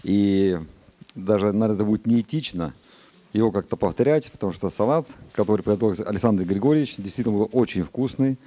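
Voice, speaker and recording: A man, a spacecraft commander, answering press conference questions in a calm, measured, matter-of-fact way. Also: lowish voice.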